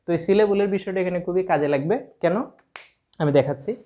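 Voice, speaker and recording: A man's voice: sits high, a little fast, background noise. A man with a Sylheti Bengali accent teaching an English grammar lesson, explaining step by step and spelling words out letter by letter. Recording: dull lo-fi sound.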